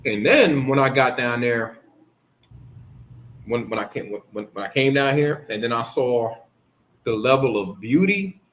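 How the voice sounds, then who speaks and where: A man's voice: medium pitch, lively intonation, a little slow, pauses often, a bit bright, poor audio. A man from the Bahamas hosting a casual chat, talking in a rambling way with lots of restarts. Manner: rambling, many restarts and fillers. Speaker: host.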